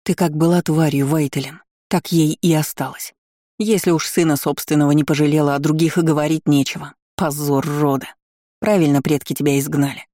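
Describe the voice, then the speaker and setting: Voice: mid-range voice, steady tone, fairly quick, dark tone, no echo, studio quality, lightly acted. A reader voicing a young heroine who talks urgently and accusingly. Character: young heroine, defiant and angry vampire girl.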